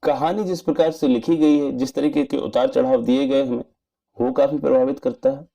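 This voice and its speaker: A man giving an earnest, measured spoken movie review in formal wording. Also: mid-range voice, fairly even intonation, gravelly, dark tone. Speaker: film reviewer.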